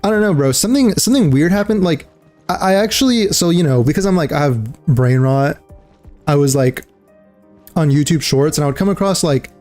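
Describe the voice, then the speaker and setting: A man's voice: fairly high pitch, expressive, brisk, darkish tone, soft background music. A young man streaming a game and chatting casually, rambling with lots of fillers and calling people dude and bro. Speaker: livestreamer. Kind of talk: casual gaming chat.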